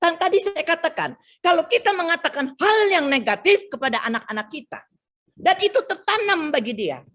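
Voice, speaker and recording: A woman's voice: very high voice, lively intonation, fairly quick, fairly bright tone. A middle-aged woman giving a sermon, telling stories and acting out the voices of the people she quotes. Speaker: speaker.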